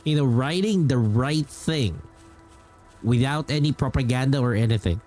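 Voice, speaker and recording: With music in the background, a game streamer chats casually on a livestream about games, rambling and repeating phrases for emphasis. He has a medium-pitched, slightly mellow voice and talks at a moderate pace.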